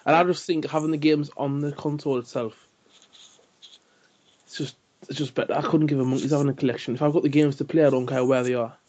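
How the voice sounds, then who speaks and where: A man's voice: on the high side, fairly even intonation, fast talker, a little mellow. Jokey man with a dull lo-fi sound. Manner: jokey, teasing. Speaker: podcast co-host. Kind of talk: casual podcast chat.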